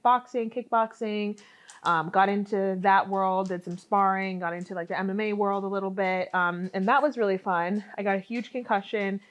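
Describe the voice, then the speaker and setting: A young woman vlogging in her home kitchen, chatty and self-mocking as she bakes and talks. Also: medium pitch. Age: young adult. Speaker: lifestyle vlogger. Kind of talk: casual chat while baking.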